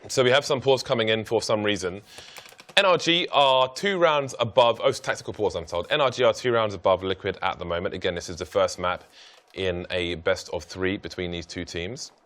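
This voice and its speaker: A man's voice: lowish voice, brisk, a bit bright. A man commentating an esports match from a studio, with dry, sarcastic wit in his banter. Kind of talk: casual play-by-play commentary.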